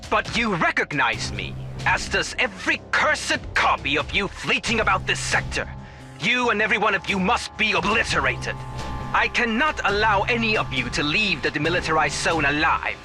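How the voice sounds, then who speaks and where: An actor playing a menacing, vengeful admiral in a video game, speaking in an imperious, theatrical manner. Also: male voice, high-pitched, sing-song, moderate pace, exaggerated voice. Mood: menacing, contemptuous. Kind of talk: scripted video game dialogue. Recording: loud music behind the voice.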